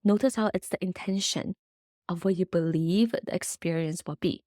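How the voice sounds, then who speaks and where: A woman's voice: lowish voice, normal speed, mellow, no room sound, clean studio sound. A woman hosting a solo podcast, talking in an earnest, encouraging way and often checking in with "right?". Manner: earnest, encouraging, uses many "right?" tags. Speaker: podcast host.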